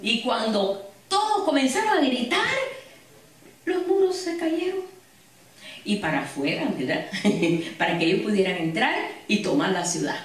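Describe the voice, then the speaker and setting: A woman's voice: mid-range voice, big pitch swings, moderate pace. A woman preaching a sermon and telling stories to her congregation with frequent asides. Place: church hall. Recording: echoey hall, distant mic.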